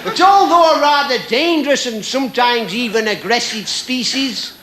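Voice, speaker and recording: A man performing a comic mock lecture on stage as a ventriloquist, with formal, deliberate, mock-scholarly phrasing. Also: extremely high pitch. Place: on stage at a live show. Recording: very noisy live stage recording.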